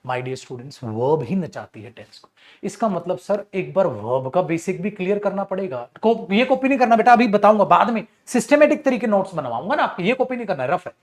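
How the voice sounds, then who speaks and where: A man teaching English grammar in an online class. He speaks in a fairly high voice, lively and playful, teasing his students as he explains. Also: brisk. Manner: lively, jokey, addresses students as beta, acts out student voices.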